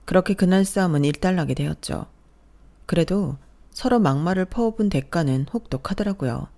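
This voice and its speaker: A woman narrating a first-person story in a plain, even manner. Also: lowish voice, fairly quick.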